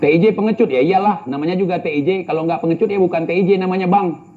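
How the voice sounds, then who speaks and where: A man's voice: high-pitched, fast, narrow, tinny audio, faint music behind. An Indonesian man and YouTuber with an Indonesian accent, bantering and mocking as he reads out viewer comments. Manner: mocking, brash, slangy. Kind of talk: casual banter reading comments.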